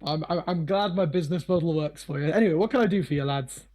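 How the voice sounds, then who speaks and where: A man's voice: on the high side, fast, a little mellow, lightly acted. A man voicing a scheming former pirate who now runs a tavern, with a faint pirate twang that creeps into his boastful talk. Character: scheming ex-pirate tavern keeper, male, middle-aged. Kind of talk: tabletop game character voice.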